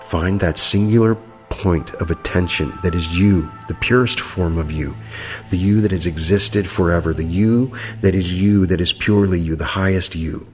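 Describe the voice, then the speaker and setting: A man's voice: sits low, moderate pace. A man leading a guided meditation in a soothing, hypnotic manner. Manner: soothing, hypnotic delivery with repeated phrases. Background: music.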